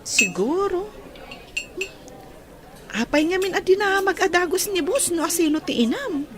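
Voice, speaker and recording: A woman's voice: extremely high pitch, big pitch swings, unhurried, heavily acted. An actress playing a curious, chatty young village woman in a radio drama.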